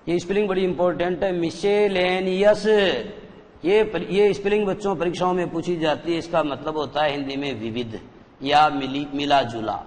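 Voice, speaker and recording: A male teacher giving a classroom lecture, explaining slowly and repeating each point for his pupils. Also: a little high, big-room sound.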